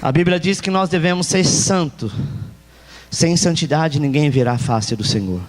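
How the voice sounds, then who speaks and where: Brazilian man, pastor, sermon, high voice, emphatic, long church reverb. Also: darkish tone. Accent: Brazilian Portuguese. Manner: emphatic, repeats key phrases, acts out stories. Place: church hall.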